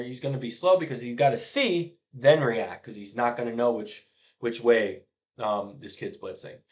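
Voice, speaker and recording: This is a middle-aged youth football coach going over blitz schemes with a diagram, casual in manner and often letting his phrases trail off quietly. He speaks at a medium pitch.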